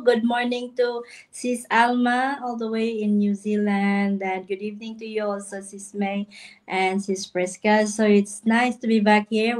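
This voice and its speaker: A woman from the Philippines, a guest co-host, greeting everyone in a friendly way on a live stream. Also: on the high side.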